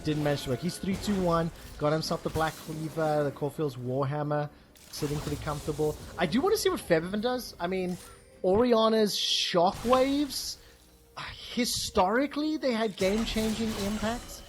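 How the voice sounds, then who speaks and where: A man calling a live esports match play-by-play, brisk and rising sharply when the fights break out. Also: sits high, faint music behind.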